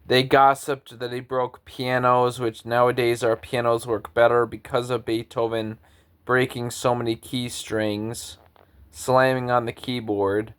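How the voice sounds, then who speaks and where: A man's voice: medium pitch, level tone, unhurried, fairly bright tone, smooth. A man in his thirties, a composer, giving an earnest, lecturing, grandiose spoken monologue. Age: 30s.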